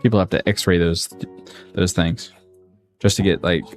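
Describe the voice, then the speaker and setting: A man hosts a casual reaction video, his voice sitting somewhat low. He breaks into loud, excited yelps as he watches. Faint music plays underneath. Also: measured pace. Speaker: host reacting to clips.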